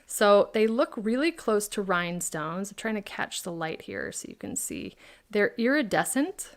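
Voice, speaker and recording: A woman's voice: medium pitch, very animated, normal speed. A woman hosting a live craft product demo, chatting and answering viewers' questions by name.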